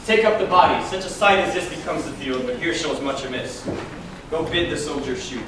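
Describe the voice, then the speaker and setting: A commanding young prince played by a man gives formal orders in stage Shakespeare. His fairly high voice comes from far off in a very echoey, noisy hall. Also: fairly quick, lightly acted. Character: Fortinbras, commanding young prince claiming a kingdom. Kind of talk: amateur stage Shakespeare acting. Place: school theater stage, recorded from audience. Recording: distant, echoey hall recording, clear noise.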